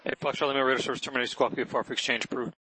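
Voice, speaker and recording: Man, controller, rapid procedural radio instructions, matter-of-fact, faint static and clicks. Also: medium pitch, steady tone, bright, forceful tone. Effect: aviation radio transmission. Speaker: air traffic controller. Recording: noisy radio link with clicks.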